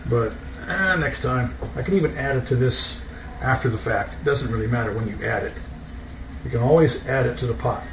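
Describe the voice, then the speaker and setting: A man's voice: medium pitch, brisk. Man, casual cooking talk, easygoing, thinking aloud, dull roomy kitchen sound. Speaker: home cook hosting a cooking video. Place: indoors, kitchen. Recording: distant mic, dull, echoey, noisy room.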